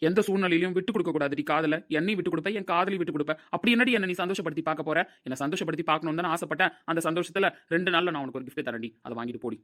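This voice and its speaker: A man playing an angry, hurt young man who shouts and scolds his lover in a Tamil audio drama. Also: a little high, racing, hardly any pauses, lightly acted. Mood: furious, hurt.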